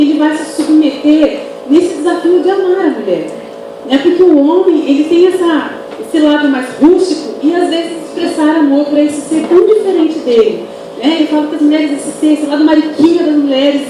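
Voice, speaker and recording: A woman's voice: high-pitched, mellow. A woman with a Brazilian accent giving earnest, conversational teaching at a church family seminar, often asking "né?", recorded from far off in a very echoey hall with faint noise. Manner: earnest, conversational, frequent "né?" tags. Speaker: pastor's wife speaking at a church family seminar. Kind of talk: sermon-style teaching with anecdotes. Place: church auditorium.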